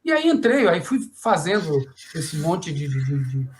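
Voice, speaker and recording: Unhurried and on the high side, a middle-aged man who works as a puppeteer and voice actor shares stories on a panel, with slight background noise. He performs the voices of those he quotes with lively flair, frequently adding "né?".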